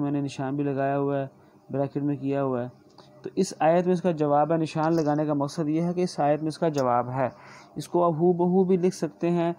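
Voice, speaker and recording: A male teacher with a Pakistani Urdu accent, speaking in a mellow, warm tone set a little high for a man. He works through vocabulary slowly and deliberately, repeating each gloss for students preparing for exams. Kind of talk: recorded exam-prep lecture.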